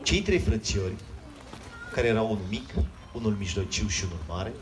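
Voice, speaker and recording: A children's magician with a fairly low, lively voice tells a comic story live and teases the crowd. He's performing on an outdoor stage at a water park, and the recording is full of noisy audience sound.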